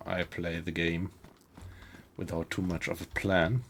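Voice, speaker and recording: Streaming a survival game, a German-accented man chats easily with viewers, reacting to the game and thinking aloud as he plays. His low voice has a fairly bright tone and little pitch movement, and he speaks unhurriedly over a faint hiss or hum in this live gameplay commentary.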